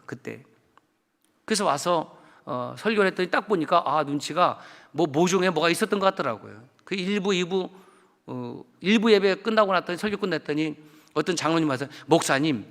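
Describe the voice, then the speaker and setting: High-pitched pastor preaching in a reverberant hall. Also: male voice. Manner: animated, acts out dialogue and swings between loud outbursts and low asides. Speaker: guest pastor. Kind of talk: storytelling sermon with testimony. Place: church sanctuary. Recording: long church hall reverb.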